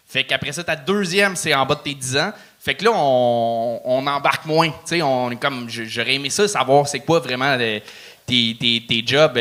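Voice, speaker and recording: A man on a comedy show's judging panel giving hesitant, halting feedback to a contestant. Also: mid-range voice, pushed and bright. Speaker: judge. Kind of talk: critiquing a contestant. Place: comedy club.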